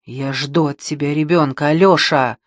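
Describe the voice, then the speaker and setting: A man voicing a jealous, hysterical young woman who shouts and then hisses in contempt. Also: fairly even intonation, moderate pace, no room sound, clean studio sound, close to an everyday voice. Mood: furious. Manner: shrill, shouting, then hissing.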